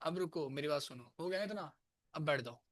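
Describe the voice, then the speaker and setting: High-pitched man teaching a coding class in a room, casual and teasing with students. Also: animated, a little fast, fairly bright tone. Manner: casual, scolds and coaxes students. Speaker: programming teacher. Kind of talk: live classroom lecture.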